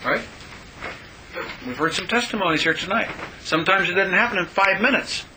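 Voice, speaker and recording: A man's voice: high voice, lively intonation, brisk, pushed and bright, slight background noise, rough recording. A man leading a group discussion, earnest and emphatic, preaching his points. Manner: earnest, emphatic, addresses others by name. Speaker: discussion leader.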